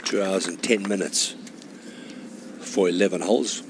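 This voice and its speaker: Male golf commentator, low-pitched, measured, informative, live broadcast, clear ambient noise behind. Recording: clear background noise, outdoor course ambience.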